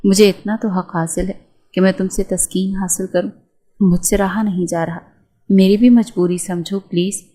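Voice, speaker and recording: A woman's voice: medium pitch, fairly even intonation, warm tone, natural voice. A woman voicing an impatient young husband in a read-aloud romance novel, coaxing and insistent. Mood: pleading.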